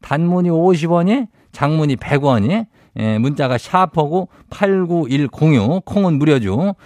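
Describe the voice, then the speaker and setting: A man's voice: on the high side, expressive, measured pace, a little mellow, no echo, studio quality. A man with a Chungcheong Korean accent hosting a radio show, reading listener messages and giving folksy, teasing, homespun advice in a casual chat.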